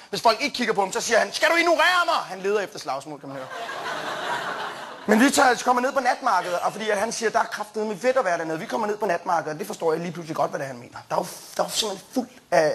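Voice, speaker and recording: A young man doing stand-up, telling a rambling story with plenty of fillers, restarts and quick jumps into quoted voices. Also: sits high, fairly bright tone, slightly rough. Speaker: stand-up comedian. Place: comedy stage before a live audience.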